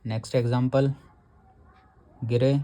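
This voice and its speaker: Speaking in a dark, mellow voice of ordinary middle pitch, this man teaches shorthand at an unhurried pace with little rise and fall in his tone. His explanations are patient, and he draws each word out when reciting a rule.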